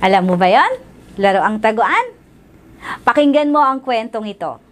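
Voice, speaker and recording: A woman's voice: on the high side, expressive, moderate pace. A woman teacher leading a children's lesson in an exaggerated, sing-song and encouraging way.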